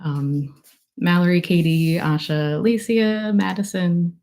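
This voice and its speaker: A woman's voice: lowish voice, unhurried, mellow, low-quality recording. A young woman talking casually on a livestream at her book launch, emotional and gushing, rambling with many fillers. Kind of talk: casual livestream thank-yous.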